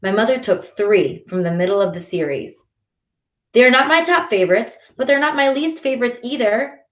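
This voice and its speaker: A woman narrating a first-person children's novel in an expressive reading voice. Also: a little high, moderate pace. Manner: expressive, shifting into character voices. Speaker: audiobook narrator. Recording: roomy echo.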